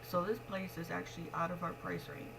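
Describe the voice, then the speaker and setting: A woman's voice: fairly low pitch, little pitch movement, fairly quick. A young adult woman talking casually and frankly to her vlog, rambling in a matter-of-fact way, with the speech of someone missing front teeth. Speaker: pregnant vlogger. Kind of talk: casual confessional vlog talk. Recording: clearly noisy home recording with hum.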